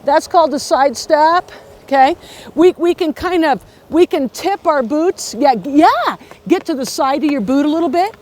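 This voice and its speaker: A woman's voice: high voice, expressive, normal speed, darkish tone. A woman teaching a beginner ski lesson outdoors, instructing step by step in an encouraging way and often checking in with short questions. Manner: frequent checking questions like okay and right. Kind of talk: hands-on beginner lesson talk. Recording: outdoor recording with faint background noise.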